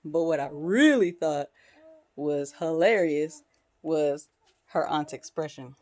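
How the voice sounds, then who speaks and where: A woman vlogging at home as a new parent, retelling a messy moment in an animated, incredulous way. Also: deep voice, slow pace. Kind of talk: casual vlog storytelling. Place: home, bathroom sink and nursery.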